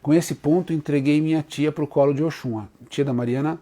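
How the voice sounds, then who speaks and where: A man with a Brazilian Portuguese accent leads a religious teaching on a live stream. His voice sits somewhat high yet sounds mellow and warm. He speaks with devout tenderness and addresses his listeners as his children. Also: fairly even intonation, a little fast. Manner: devotional, sings chant verses in a rising voice; speaks softly and tenderly to viewers, calling them daughter. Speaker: Umbanda spiritual leader hosting a live stream. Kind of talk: religious teaching with sung chants.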